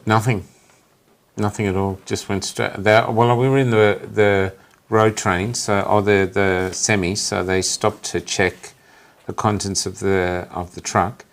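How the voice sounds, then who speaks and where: A man, a guest on a chat stream, telling road anecdotes in a lively casual way and laughing often. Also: on the low side, unhurried, creaky. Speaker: guest, traveling activist.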